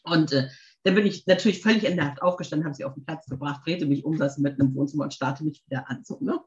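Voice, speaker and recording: A woman chatting casually, telling lively anecdotes with many fillers and asides. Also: deep voice, fast talker, echoey room, lo-fi sound. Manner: chatty, animated storytelling, frequent fillers. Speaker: podcast guest, dog owner. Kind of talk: casual conversation.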